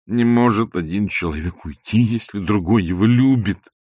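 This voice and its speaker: A man voicing a pompous, self-pitying middle-aged husband who whines in a slow theatrical drawl. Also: fairly low pitch, a little mellow, breathy edge, no room sound, studio quality. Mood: plaintive.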